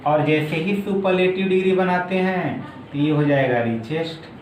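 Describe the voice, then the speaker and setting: High-voiced man teaching grammar. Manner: slow, step-by-step explaining, repeating each word form. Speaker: English teacher. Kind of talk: explaining grammar in a video lesson. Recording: echoey room with faint background noise.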